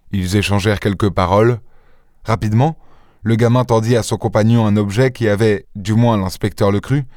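A man narrates an audiobook in a measured, even storytelling style, reading from a script. His voice sits on the low side, and the recording is dry and clean, studio quality.

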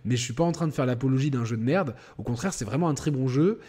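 Male stream host, mid-pitched, loose rambling live chat, lots of fillers and restarts. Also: quick pace, dark tone, slightly rough. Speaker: gaming channel host.

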